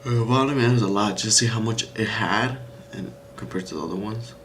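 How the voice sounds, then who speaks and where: A man's voice: lowish voice, a little fast, a bit bright, slight background noise. A young man talking loosely on a live trading stream, rambling and saying "bro" and "like" a lot. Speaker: day-trading livestreamer. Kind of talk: casual live-stream chat.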